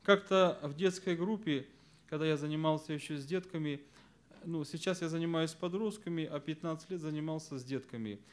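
Man, Sunday school teacher, earnest, fairly high voice, stresses words. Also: fairly quick. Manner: earnest, stresses key words, drops to soft voice at verse endings; explanatory, addresses listeners as friends. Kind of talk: teaching lesson to fellow teachers.

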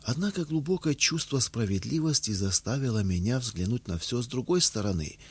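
A man reading a memoir aloud as an audiobook narrator, in a steady, measured way. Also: medium pitch, slightly rough.

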